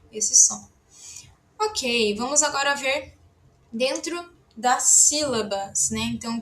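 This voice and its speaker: A woman leads a language lesson at a very slow, deliberate pace. Her voice is bright and sits a little high. She drills short syllables with forceful aspiration and jokes now and then about her messy handwriting. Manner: patient, demonstrates sounds with strong breathy aspiration; self-deprecating asides about her handwriting. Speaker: language teacher. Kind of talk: slow spoken lesson while writing.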